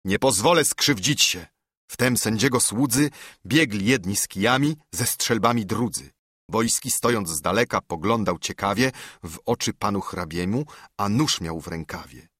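A man narrating epic poetry in a measured, rhythmic reading. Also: fairly low pitch, fairly bright tone, slightly rough, no room sound, studio quality.

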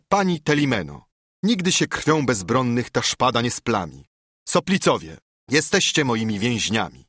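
A man's voice: mid-range voice, a bit bright, dry recording, studio quality, pitched above the performer's own voice. A man doing a proud, boastful count. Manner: grand, declaiming, boastful. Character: hot-headed proud young count.

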